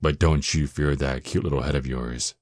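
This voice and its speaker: A man playing a dominant, seductive, menacing male vampire lord in an ASMR roleplay, with a very deep voice and a possessive, taunting, mock-tender manner. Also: steady tone, moderate pace, no echo, clean studio sound. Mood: gloating, sinister. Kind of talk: ASMR roleplay, intimate scripted monologue.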